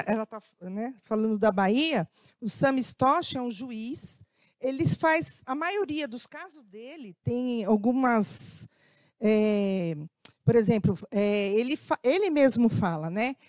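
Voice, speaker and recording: A woman's voice: fairly high pitch, no echo, clean studio sound. A middle-aged Brazilian woman with a Brazilian Portuguese accent gives a lecture as an educator and tells personal anecdotes, often adding tag questions and acting out dialogue. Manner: conversational, frequent tag questions, acts out quoted dialogue. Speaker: guest speaker, educator.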